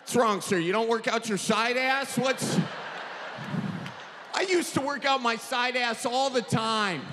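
A man in his thirties with an Upper Midwestern accent, doing animated, folksy stand-up into a handheld mic on a theater stage. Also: extremely high pitch, a little slow. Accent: Upper Midwestern American. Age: 30s. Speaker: stand-up comedian. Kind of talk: stand-up comedy. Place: large theater stage before an audience. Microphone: handheld microphone held close. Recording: reverberant theater, faint audience noise.

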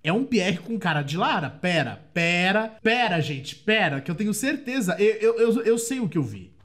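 A man with a Brazilian Portuguese accent doing let's play commentary, chatty and excitable, often breaking into shrieks of surprise. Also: high voice, normal speed. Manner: chatty, addresses viewers often. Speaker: gameplay commentator.

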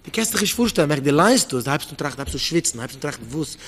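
A man's voice: on the high side, animated, rapid-fire, fairly bright tone, breathy edge. A man preaching with pointed questions. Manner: repeats pointed rhetorical questions, mixes in English words. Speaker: rabbi giving a Torah talk.

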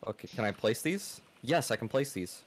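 A man's voice: mid-range voice, expressive, normal speed. Joking man streaming a game. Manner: joking, swearing, narrates his own mishaps. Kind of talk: casual game chat.

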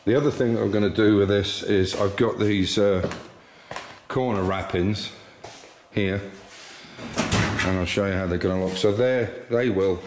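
Older guy restoring an old car, deep voice, talks it through step by step, echoey garage sound. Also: fairly even intonation, a little slow, pauses often, noisy background. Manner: plain, explanatory, thinks aloud with fillers. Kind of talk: workshop how-to narration. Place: large indoor car workshop. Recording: echoey workshop room.

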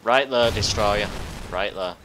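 A man's voice: fairly low pitch, measured pace, fairly bright tone, a little hiss or hum. A man chatting over in-game voice while playing a shooter, joking, trash-talking and breaking into silly singing. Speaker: gamer doing in-game voice chat. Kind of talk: casual game chat.

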